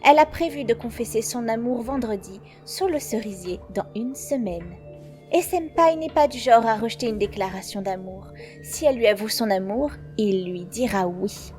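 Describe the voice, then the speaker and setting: Woman voicing Info-chan, sly high-voiced anime schoolgirl. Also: expressive, darkish tone, faint music behind, natural voice. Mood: scheming. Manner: knowing, measured, insinuating. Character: sly, composed teenage schoolgirl information broker. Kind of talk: French fan dub of anime web series.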